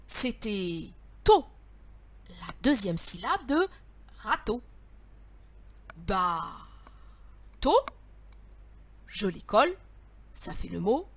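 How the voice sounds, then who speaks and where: French woman teacher, slow and very lively in pitch, patient sing-song delivery for young kids. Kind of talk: slow, clear lesson for young children.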